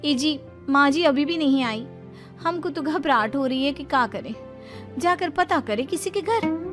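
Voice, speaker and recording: An earnest young cartoon bride, put on by the narrator, polite and pleading in a high voice. Faint music runs behind. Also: female voice, expressive, measured pace. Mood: worried. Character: earnest anxious young daughter-in-law. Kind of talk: cartoon voice acting.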